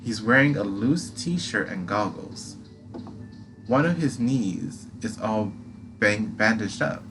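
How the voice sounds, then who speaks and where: Animated male story narrator, very lively pitch. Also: slow, over music. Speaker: narrator reading a game aloud. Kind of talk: scripted second-person story narration. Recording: clear background noise.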